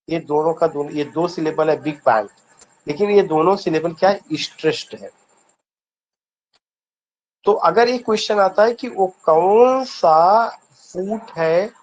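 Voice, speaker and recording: High-voiced Indian man teaching. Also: lo-fi sound, a little hiss or hum. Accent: Indian English. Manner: asks questions and answers them himself, repeats key points. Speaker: English teacher. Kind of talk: online exam-prep lesson.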